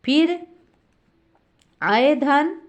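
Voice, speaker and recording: High-voiced woman teaching grammar. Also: expressive, very slow. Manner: repeats questions and answers them herself, drawing out key sounds. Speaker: Sanskrit teacher. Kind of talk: classroom lesson explaining grammar.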